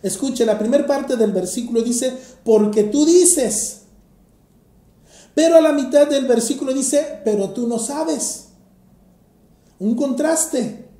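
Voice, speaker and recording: A woman preaching a sermon in an emphatic, deliberate way, repeating phrases for effect. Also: a little high, mellow. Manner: emphatic, deliberate, rhetorical repetition. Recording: echoey room.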